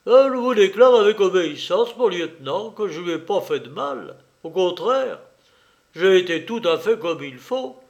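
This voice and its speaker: A chatty, eagerly obedient soldier orderly, as a male reader puts him on. He talks loudly in a raised, bright voice. It is a character from an audiobook reading. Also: high-pitched, animated, moderate pace, creaky, lo-fi sound, voice pushed up.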